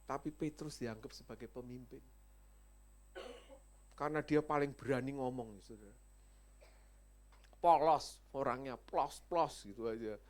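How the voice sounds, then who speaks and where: A male evangelist preaching a sermon, emphatic, with loud peaks and soft asides to the congregation. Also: mid-range voice, unhurried, pauses often.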